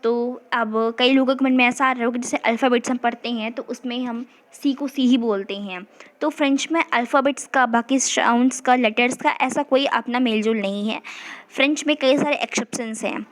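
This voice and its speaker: A woman's voice: on the high side, steady tone, moderate pace. A woman teaching an online language lesson, patiently explaining in Hindi and English and reading dialogue aloud. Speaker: French teacher.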